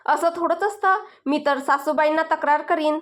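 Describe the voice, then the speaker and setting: A woman's voice: high-pitched, lightly acted. A woman voicing a flustered young wife who pleads and protests in a storybook. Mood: flustered pleading. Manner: pleading, sulky, quick to protest. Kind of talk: storybook dialogue.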